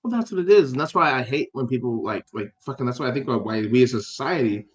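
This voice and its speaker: A man's voice: mid-range voice, expressive, fast talker, roomy sound. A man co-hosting a casual chat, rambling with many fillers and restarts and casual swearing. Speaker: podcast co-host.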